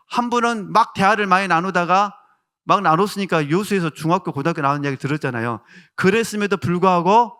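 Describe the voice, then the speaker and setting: A man's voice: high voice, smooth. A male pastor with a Jeolla Korean accent preaching a sermon, telling stories and asking the congregation questions. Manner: warm storytelling with rhetorical questions to the congregation.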